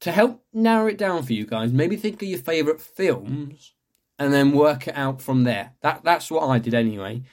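A man's voice: on the high side, animated, normal speed. A young man hosting a podcast, chatting casually and reading local news with lots of fillers and restarts. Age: young adult. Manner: rambling, chatty, self-correcting with many fillers. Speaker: podcast host.

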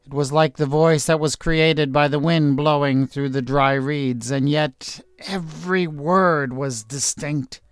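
Male storyteller, calm and deliberate, a little high; faint music behind. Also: smooth, dry recording. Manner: deliberate, calm narration with small stumbles. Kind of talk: dramatic story narration.

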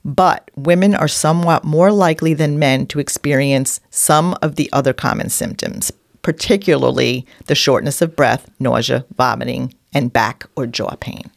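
Female, New York accent, low-pitched, dry sound, conversational health podcast co-host. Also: moderate pace, creaky, hardly any pauses, no echo.

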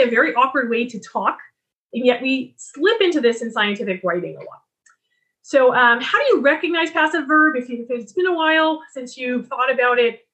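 A woman giving a recorded lecture on writing, explaining clearly and restarting her sentences as she talks. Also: a little high, a bit bright. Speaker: writing instructor.

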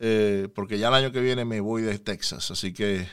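A man hosting a Spanish-language podcast interview, casual and halting, with lots of fillers and repeated words. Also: fairly low pitch, clear, resonant tone, dry recording, clean studio sound. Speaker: podcast host. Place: lives near Houston, Texas.

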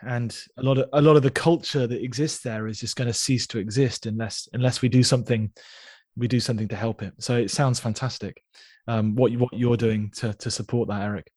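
A man hosting a podcast, interviewing a guest and then reflecting on the conversation in an earnest, measured way. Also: mid-range voice, fairly even intonation, a little mellow. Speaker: podcast host.

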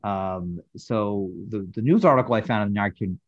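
Husky low-voiced man in casual chat. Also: no room sound. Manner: halting, self-correcting, reports research. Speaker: podcast co-host. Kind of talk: casual chat about a TV episode. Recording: dull lo-fi dry sound.

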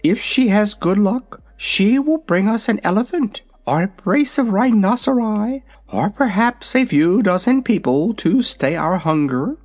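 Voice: mid-range voice, expressive, unhurried, hardly any pauses, darkish tone, voice pushed up. A storybook reader voicing a proud, hungry young dragonette in a lofty, matter-of-fact manner. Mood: haughty.

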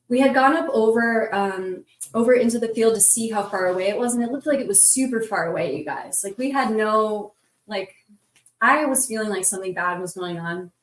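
A woman's voice: medium pitch, recorded from a distance. A woman in a casual roundtable talk, retelling events in a vivid, breathless way with many "like" fillers. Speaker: roundtable guest. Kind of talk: casual storytelling. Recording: roomy sound from off the mic.

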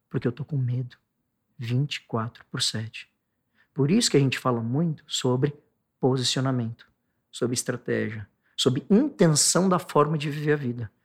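Explaining stress and anxiety as a guest, a man with a Brazilian Portuguese accent and a slightly rough voice mimics angry outbursts in sharp bursts. For the calmer points, he shifts to a soft, low tone.

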